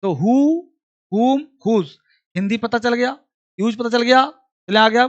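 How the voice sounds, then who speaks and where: A man's voice: very high-pitched, slow pace, dull audio. Repetitive, drilling male grammar teacher. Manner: repeats key points like dictation; addresses students familiarly as son and kid. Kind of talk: exam-prep lesson.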